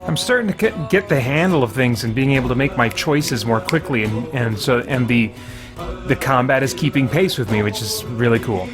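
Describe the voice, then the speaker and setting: With music in the background, a man in a mid-range voice reviews a video game at a moderate pace. His commentary is relaxed and conversational as he thinks out loud and drops mild slangy exclamations.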